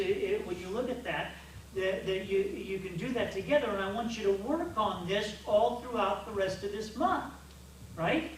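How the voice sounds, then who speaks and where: A man coaching a group of men, telling stories in an animated way that keeps restarting. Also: sits high, a little hiss or hum. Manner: storytelling, animated and repetitive, with restarts. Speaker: men's coach. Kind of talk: church coaching talk to men. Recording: echoey hall from far off.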